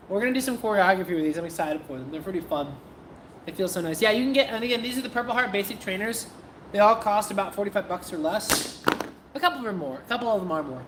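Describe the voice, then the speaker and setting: Chatty woman streamer with faint noise. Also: medium pitch. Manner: chatty, scattered, self-interrupting. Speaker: livestream host and sword practitioner. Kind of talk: casual livestream chat with viewers.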